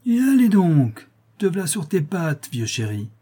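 Male reader playing a flustered old concierge lady, shrill and raised high, fussing endlessly, a husky edge under it. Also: normal speed, mellow. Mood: triumphant. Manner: shrill, fretful, fussing endearments. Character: fussy old woman concierge, excitable and doting.

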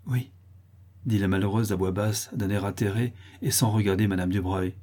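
Man with a dark, husky reading voice. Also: on the low side, steady tone. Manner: measured, dramatic narration. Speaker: narrator. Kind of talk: storybook reading.

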